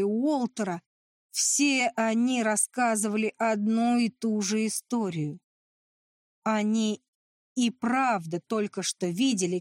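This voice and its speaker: A woman reading a tense adventure novel as an audiobook narrator, in steady storytelling. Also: mid-range voice, no echo, studio quality.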